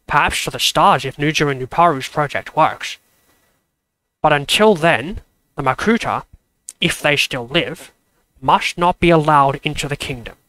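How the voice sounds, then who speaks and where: A man voicing a wise, weary older male ruler in a fan storybook reading, speaking in a measured, gentle way. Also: on the high side, no room sound, rough recording.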